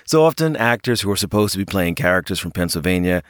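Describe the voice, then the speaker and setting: A man co-hosts a daily news podcast. His low voice rises and falls as he reads each story. The sound is close and dry, with faint music under it. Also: lively intonation, quick pace, a bit bright, dry recording. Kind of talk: scripted news narration and banter.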